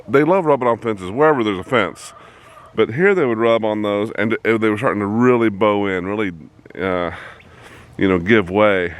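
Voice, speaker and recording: A middle-aged man, a hobby farmer, chatting and joking with viewers and his animals while standing outside by a fence. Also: on the low side. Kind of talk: casual vlog narration. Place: outdoors by a farm fence.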